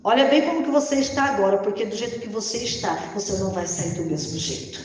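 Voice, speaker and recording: A woman preacher telling a testimony in a sermon, acting out dialogue and building to fervent shouts. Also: medium pitch, lively intonation, fast, slight background noise. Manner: storytelling, quoting dialogue, rising to fervent shouts. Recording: echoey hall with long reverb.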